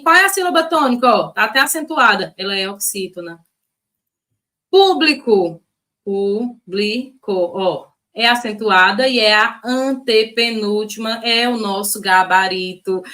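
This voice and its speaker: A woman teaching an online exam-prep lesson in a lively, chatty way, often stretching out key words. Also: high voice. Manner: lively, chatty, frequent "ó" and "né", drawn-out stressed words. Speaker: Portuguese teacher.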